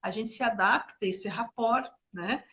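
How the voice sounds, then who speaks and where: A middle-aged woman co-hosting a parenting live stream, explaining ideas in an animated, casual way with many examples and asides. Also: a little high, moderate pace.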